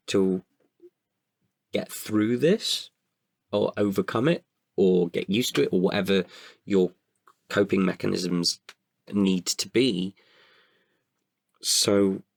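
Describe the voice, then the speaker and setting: A British performer appears as a podcast guest, talking reflectively in an interview with a low, husky voice and noticeable vocal fry. He's candid and thoughtful, often hesitating while he hunts for words. The studio recording is clean, with no room sound.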